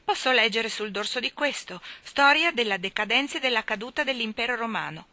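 A woman's voice: a little high, animated, a little fast, sharp tone, dry recording, pitched above the performer's own voice. A woman reading aloud and voicing a proud, eager little girl who argues back at her brother. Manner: eager, defiant. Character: clever spirited little girl, proud and impatient.

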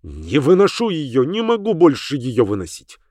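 A man's voice: on the high side, wildly swooping pitch, moderate pace, darkish tone, no room sound, pitched above the performer's own voice. An older woman speaks with urgent, emphatic insistence, her lines pushed up and pressing, as a male narrator puts her on. She pleads and scolds in a dry, close audiobook recording. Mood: fearful, hostile. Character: agitated older woman, fearful of a doll. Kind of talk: audiobook character voice.

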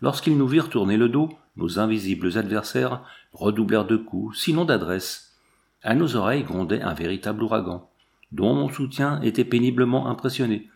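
A man narrating a war memoir in a measured, steady reading. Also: lowish voice, creaky. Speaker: audiobook narrator.

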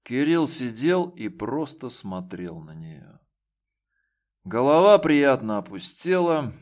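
A man reads an audiobook aloud in a measured, even way. His voice sits in the mid range, and the delivery is scripted narration.

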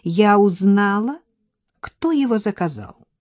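A woman's voice: mid-range voice, expressive, slow pace, a little mellow, dry recording, studio quality, pitched above the performer's own voice. Milka, a coquettish young woman, read by a woman. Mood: urgent. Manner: coquettish, teasing, talkative.

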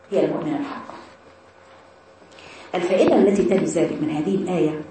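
A woman's voice: on the low side, dark tone. A woman teaching a Quran commentary lesson, speaking fervently to her students as her daughters. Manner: fervent, addresses listeners as "my daughters". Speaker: religious teacher. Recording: echoey hall, distant mic, audience noise.

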